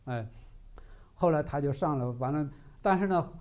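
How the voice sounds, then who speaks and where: A man's voice: on the high side, normal speed, highs cut off. A man preaching a sermon, telling a story and often asking rhetorical questions. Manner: animated, frequent rhetorical questions.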